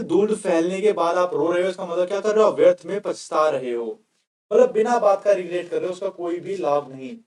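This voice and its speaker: A man's voice: sits high, darkish tone, reverberant, recorded from a distance. A male coaching teacher giving a casual classroom vocabulary lecture. He keeps asking his students questions as he explains.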